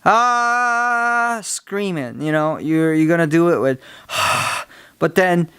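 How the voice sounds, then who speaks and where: A man giving a casual how-to lesson, explaining things in a halting, rambling way. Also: on the high side, clear, resonant tone, no room sound. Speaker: tutorial presenter. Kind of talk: casual instructional talk.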